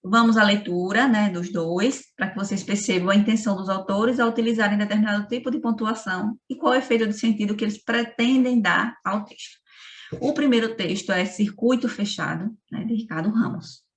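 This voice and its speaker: A woman's voice: mid-range voice, a little fast. A woman with a Brazilian Portuguese accent giving a remote school lesson in a didactic way, often checking in with her students by asking "right?". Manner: didactic, frequent tag questions. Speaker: teacher. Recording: echoey room, from a distance.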